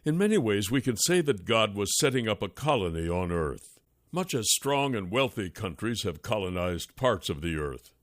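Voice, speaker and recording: A man narrating a nonfiction audiobook in a measured, deliberate reading style. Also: lowish voice, big pitch swings, dry recording, clean studio sound.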